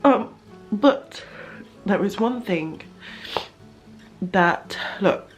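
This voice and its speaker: A woman's voice: mid-range voice, expressive, very slow, soft background music. A young woman talking candidly to camera in a casual vlog, emotional and chatty. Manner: chatty, emotional and candid, close to tears at times. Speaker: vlogger.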